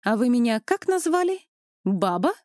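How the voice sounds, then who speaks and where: A woman voicing a stern young female police officer who speaks firmly and crisply. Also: a little high, sing-song, normal speed, a little mellow, no room sound, studio quality, voice pushed up. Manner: firm, clipped, commanding.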